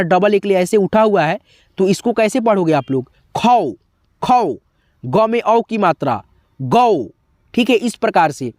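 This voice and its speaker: A man's voice: sits high, no room sound, studio quality. A man teaching a beginners' alphabet lesson, asking questions and answering them himself, then chanting syllables one by one. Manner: repetitive, asks and answers his own questions; drawn-out chanted syllables in drills. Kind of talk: blackboard-style alphabet lesson.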